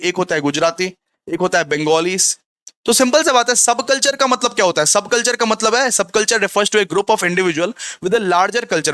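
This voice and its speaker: A commerce tutor with a bright, high voice gives an exam revision lecture, repeating himself and posing rhetorical questions to the class that he answers himself. The studio sound is clean, with no echo.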